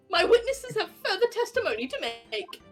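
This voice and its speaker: A woman's voice: extremely high pitch, very animated, moderate pace, fairly bright tone, soft background music, voice pushed up, full character voice. A British woman reading a smug, scheming male prosecutor's lines with gleeful, dramatic delivery. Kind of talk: reading game dialogue aloud.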